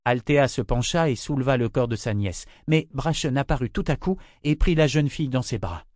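A man's voice: medium pitch, fairly quick, a little mellow, no echo, studio quality. A man narrating a novel as an audiobook, reading with voices for each character.

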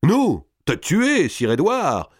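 A man's voice: fairly high pitch, huge pitch swings, slow, husky, voice pushed up, full character voice. A man putting on a sneering medieval jailer. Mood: mocking. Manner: taunting, barking orders. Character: cruel mocking male jailer, a medieval assassin.

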